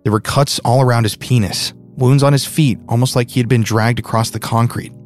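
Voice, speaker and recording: A man narrating a true crime story in a steady, grave way. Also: medium pitch, fairly quick, soft background music. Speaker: podcast narrator. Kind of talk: scripted narration.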